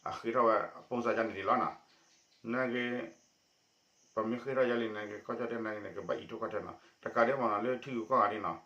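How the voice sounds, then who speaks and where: A man delivers a news report in a bright, forceful voice with a steady pace. The sound is muffled and lo-fi, and it carries a noticeable room echo. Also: medium pitch, a little fast. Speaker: news presenter. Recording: echoey dull lo-fi recording.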